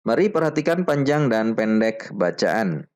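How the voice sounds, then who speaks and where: A man teaching Quran recitation rules step by step, slowly repeating each syllable for drill. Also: sing-song, a little mellow. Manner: chants the Arabic verses in a higher, fuller voice. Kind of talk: slow step-by-step tajwid lesson.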